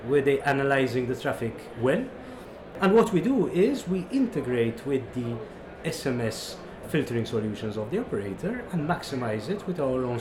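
A man with a Maltese accent gives explanatory interview answers as a company chief. His voice sits at a middling pitch. The recording is echoey, with clear noise around him. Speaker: company CEO and co-founder, interview guest. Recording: roomy, echoing, noisy venue.

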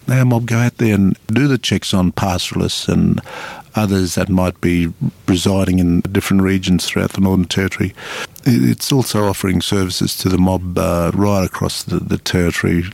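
A man speaking earnestly in an interview, making his case in a measured, repetitive way with frequent "you know". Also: deep voice, gravelly, darkish tone, no room sound. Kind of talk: radio interview, earnest advocacy.

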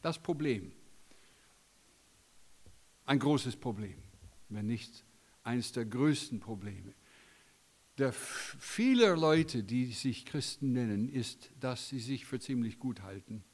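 A man preaching a sermon in an emphatic way, his voice swinging from loud high peaks down to quiet low endings. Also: animated, slow pace, pauses often.

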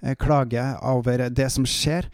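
A man reading psalm verses aloud in a calm, measured way, stopping now and then for short devotional reflections. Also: medium pitch, no room sound, clean studio sound. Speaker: Bible reader and preacher. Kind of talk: Bible reading with devotional commentary.

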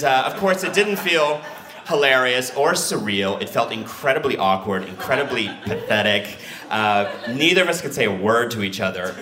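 A man telling a personal true story in an animated, excitable way. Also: reverberant. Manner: animated, excitable, acts out quotes with big pitch jumps.

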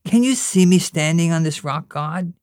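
Reading fiction aloud, a reader voices an earnest young boy in a high, childlike, pleading voice as he prays, asks questions and bosses his little brother around. The delivery is expressive, natural, a little mellow and at normal speed, in a dry, studio-quality recording.

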